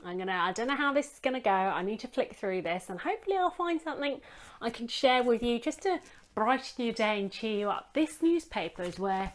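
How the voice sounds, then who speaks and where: A woman's voice: fairly high pitch, expressive, fairly quick. Woman vlogger from England, casual, wry and rambling, talking to a phone camera at home. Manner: rambling, self-deprecating, wry. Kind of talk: casual chatty vlog. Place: home room with daylight. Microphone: phone front camera.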